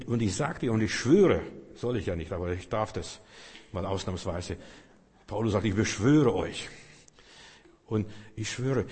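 A man preaching a sermon with emphasis, acting out loud prayers and cries for help. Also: mid-range voice, husky. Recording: long reverb of a large hall.

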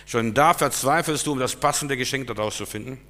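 A male preacher giving a sermon, emphatic and swinging between loud stresses and quiet asides. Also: mid-range voice, brisk, big-room sound.

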